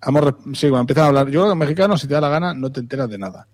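A man from Spain chats casually as a podcast co-host, teasing and talkative. His voice sits at a middling pitch. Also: racing, a little mellow. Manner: teasing, chatty. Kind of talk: casual chat.

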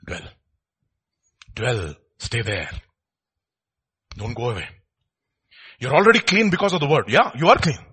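A man's voice: high voice, bright, forceful tone, slightly rough. A man with an Indian accent preaching informally, repeating short phrases and putting rhetorical questions to his listeners.

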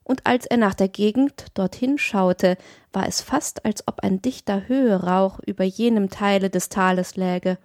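A woman narrating a literary audiobook in a measured storytelling manner, close to the mic. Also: medium pitch, a little mellow, no room sound.

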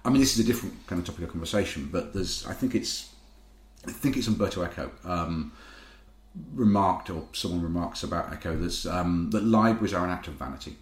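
A man in a casual discussion, talking in long rambling sentences and correcting himself as he goes. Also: low-pitched. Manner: rambling, self-correcting, talks fast. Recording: echoey room.

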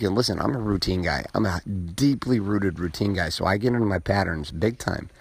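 A man giving a casual motivational monologue as a podcast host, keeping his voice quiet so as not to wake someone, recording on a phone. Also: low voice, husky. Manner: quiet, held back to avoid waking someone asleep.

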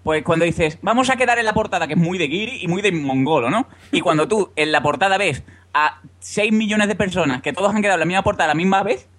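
A man from Seville co-hosting a podcast over a video call, rambling with halting restarts and dramatic quotes. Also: sits high, a bit bright. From Seville, Spain. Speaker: podcast co-host. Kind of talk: casual podcast chat.

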